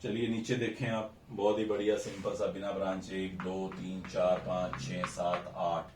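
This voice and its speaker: Speaking in a low, monotone voice at a moderate pace, a man records a chemistry lesson, explaining each step and counting carbons out loud while blending English terms into his Hindi. He's far from the mic in an echoey room, slightly off-mic, with a noisy background and faint ambience.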